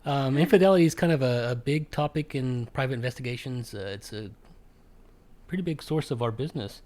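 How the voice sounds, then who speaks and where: A man hosting a casual podcast chat, talking in a halting way with many ums and restarts. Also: medium pitch, darkish tone. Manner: hesitant, full of ums and restarts. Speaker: podcast host.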